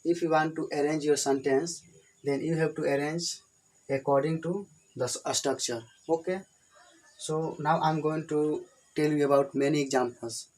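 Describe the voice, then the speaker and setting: An Indian-accented man from India, Hindi being his first language, runs a whiteboard English grammar lesson with repetitive, plain explanations. He talks at normal speed in a fairly high, slightly mellow voice with fairly even intonation, and the audio quality is poor.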